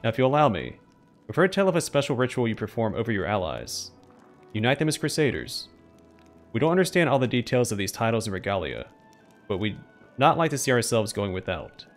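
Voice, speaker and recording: A man's voice: mid-range voice, very animated, brisk, faint music behind. A man voicing a solemn, earnest talking tree, a treant with formal, grand oratory, in game dialogue read aloud. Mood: grateful, earnest.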